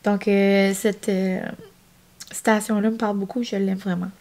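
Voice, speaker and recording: A woman's voice: mid-range voice, little pitch movement, moderate pace, a little mellow. A young woman with an Acadian French accent, chatting casually in a vlog and rambling with lots of fillers. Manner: chatty, rambling, many fillers and "genre, comme". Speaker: vlogger.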